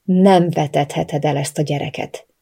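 A woman's voice: low voice, fairly even intonation, vocal fry, warm tone, husky, full character voice. A woman reading the lines of a controlling, violent ex-lover in an audiobook, in a commanding, threatening manner. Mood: menacing.

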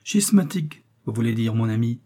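A man's voice: mid-range voice, animated, fairly quick, warm tone, lightly acted. A man reading the part of a pedantic village barber in an audiobook. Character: village barber, quick to correct others.

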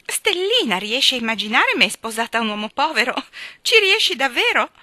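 A woman's voice: fairly high pitch, bright, forceful tone, dry recording, voice pushed up. A woman voicing a flighty, vain eighteen-year-old rich girl in an audiobook, gushing and theatrical. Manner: theatrical, gushing, swooping emphasis. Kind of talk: audiobook character reading.

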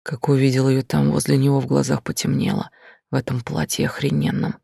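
A man voicing a hot-headed young lover, brooding bitterly and quietly in an audiobook. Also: medium pitch, flat delivery, fairly quick, gravelly, slightly rough, no echo, studio quality.

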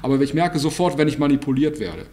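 Male coach, slightly raised pitch, blunt and lecturing monologue full of fillers. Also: fast, warm tone. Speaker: online dating and life coach. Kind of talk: spoken monologue, anecdotes and advice.

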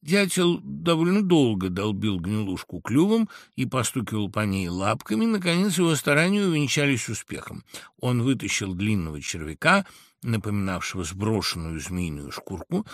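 A man narrating a fairy-tale audiobook in a recording studio as an expressive storyteller. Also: on the low side, moderate pace, dry recording.

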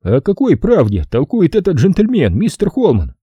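A man reading an audiobook, voicing a calm, weary, grieving old father. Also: fairly high pitch, normal speed, breathy edge, no room sound, clean studio sound, pitched above the performer's own voice, exaggerated voice. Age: older.

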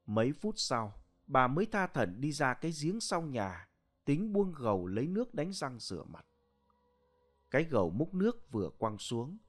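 A man narrating a village ghost story in a slow, dramatic manner. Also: medium pitch.

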